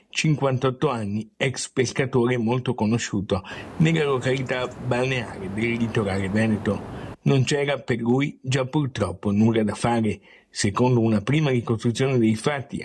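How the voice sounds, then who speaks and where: A man reading a scripted news voice-over in a dramatic, even tone. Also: mid-range voice. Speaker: news reporter. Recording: faint background noise.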